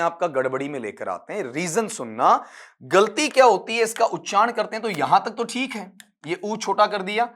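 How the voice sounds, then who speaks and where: A man, teaching English pronunciation for an exam, coaching his students as "beta" and breaking words into sounds slowly. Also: high-pitched, fairly bright tone. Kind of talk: exam paper solution lesson.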